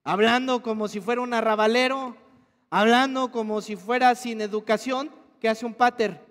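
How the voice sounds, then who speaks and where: A man's voice: very high-pitched, steady tone, moderate pace, fairly bright tone. A man preaching a sermon as a pastor, asking the congregation questions as he goes. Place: church hall. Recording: reverberant church hall.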